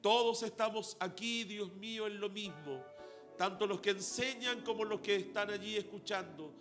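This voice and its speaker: A man's voice: high-pitched, normal speed, a bit bright, faint music behind. A pastor with a Chilean Spanish accent leading an earnest spoken prayer, repeating "Lord" between his phrases.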